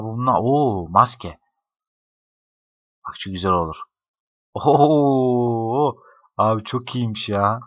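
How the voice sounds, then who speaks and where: A man's voice: mid-range voice, bright, forceful tone, no echo. A young man giving casual, joking gameplay commentary, talking to the characters and laughing often. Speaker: gaming YouTuber. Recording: dry, dull lo-fi home mic.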